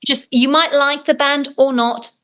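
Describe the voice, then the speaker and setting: A woman's voice: high voice, fairly even intonation, unhurried, bright, forceful tone. A young adult woman, a metal singer, chatting enthusiastically in an interview, with plenty of ums and restarts. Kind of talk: casual interview chat.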